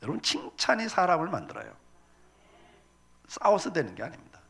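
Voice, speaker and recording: Gravelly, lively male pastor preaching. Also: on the high side, fairly quick. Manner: lively storytelling with acted-out quotes and laughter. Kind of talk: sermon.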